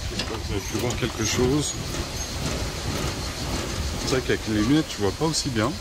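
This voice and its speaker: A man, a teacher vlogging outdoors at a zoo in a slow, hesitant way with many pauses. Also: lowish voice, heavy background noise. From Switzerland. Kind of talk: casual vlog narration.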